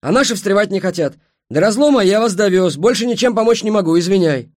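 A man voicing a gruff, plain-spoken middle-aged train driver in an audiobook. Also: mid-range voice, big pitch swings, normal speed, fairly bright tone, no room sound, studio quality. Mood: defensive.

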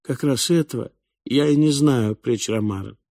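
A man's voice: medium pitch, normal speed, a little mellow, no echo, clean studio sound, pitched above the performer's own voice, lightly acted. A man voicing an earnest young boy from another planet who explains things in a plaintive, eager way. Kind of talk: audiobook character voice.

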